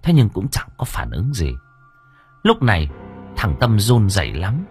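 A man narrating an audiobook story in a lively, expressive reading. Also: lowish voice, unhurried, soft background music.

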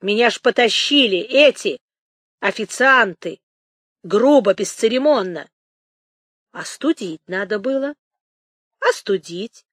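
A man's voice: high voice, animated, takes it slowly, pauses often, fairly bright tone, no room sound, studio quality, full character voice. A woman voicing a dazed, bewildered man who asks confused, pleading questions. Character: dazed, bewildered man being hurried along.

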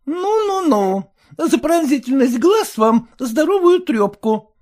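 Brief: reader putting on a fussing, scolding old-fashioned merchant's wife, high and shrill, swooping. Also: female voice, very animated, takes it slowly, darkish tone, full character voice. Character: fussy fretful merchant's wife, middle-aged woman.

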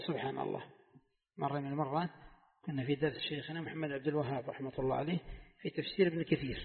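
High-voiced sheikh, tinny and echoey. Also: male voice, creaky. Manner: explains step by step and quizzes students with rhetorical questions. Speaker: sheikh teaching Quran commentary. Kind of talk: classroom religious lesson. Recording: tinny phone-like sound in an echoey hall.

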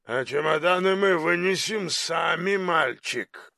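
Gruff jovial giant henchman played by a male narrator, blunt, slow, dry. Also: on the high side, pushed and bright, no room sound, heavily acted. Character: huge bearded giant servant, gruff and jovial. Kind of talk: audiobook reading.

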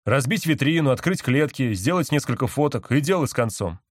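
A man's voice: mid-range voice, lively intonation, brisk, dry recording, studio quality, voice pushed up, lightly acted. A man voicing a grumpy, irritable masked activist in an audiobook. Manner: grumbling, irritable.

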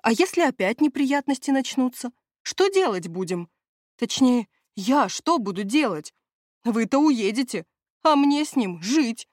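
A woman's voice: on the high side, sing-song, a little slow, darkish tone, no echo, pitched above the performer's own voice. A grumbling male castle steward who wheedles and dodges, always fretting about his own plans, read by a woman. He haggles rather than answers. The storybook sound is dry and close. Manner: whining, evasive, haggling. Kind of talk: audiobook character reading.

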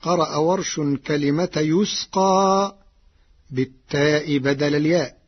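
Man, slow deliberate delivery, husky voice, dull old radio sound, formal explainer. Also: a little high. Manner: measured, deliberate, repeats words carefully. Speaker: radio presenter explaining reading variants.

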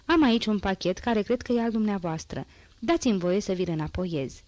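A woman's voice: mid-range voice, expressive, a little mellow, dry recording, natural voice. A woman voicing a serious young man who speaks with cold, formal gravity, in a dry audiobook reading.

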